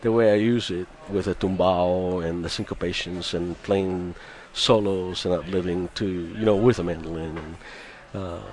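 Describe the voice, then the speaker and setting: Radio guest: deep-voiced Cuban-born musician in his fifties, relaxed and chatty. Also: normal speed, hardly any pauses. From Cuba. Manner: chatty, laughs often, many restarts. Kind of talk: radio interview.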